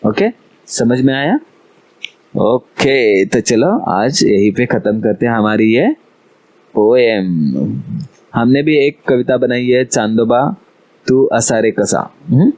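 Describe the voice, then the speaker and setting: A man's voice: mid-range voice, takes it slowly, darkish tone. A male teacher, giving an online school lesson to children, patiently repeating words and quizzing his young pupils.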